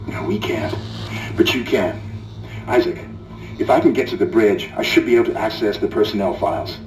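A man's voice: on the low side, animated, fairly quick, natural voice. A man playing a stern, authoritative security leader in a sci-fi video game, controlled and urgent. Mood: resolute. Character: stern, commanding male security leader on a derelict spaceship. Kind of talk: dramatic video game acting. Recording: echoey, distant, faintly noisy game capture.

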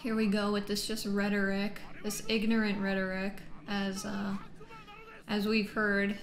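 A woman's voice: medium pitch, monotone, a little slow, a little hiss or hum. A young woman hosting an anime reaction video, talking straight to her viewers in a chatty, emphatic way with plenty of fillers. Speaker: anime reaction channel host. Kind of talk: casual reaction commentary. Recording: roomy echo.

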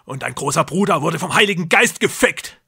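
A man voicing a cruel, deluded young man who believes he is a god, speaking loudly and feverishly. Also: on the high side, lively intonation, brisk, creaky, husky, voice pushed up, exaggerated voice. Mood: raving menacing. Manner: loud, intense, feverish delivery.

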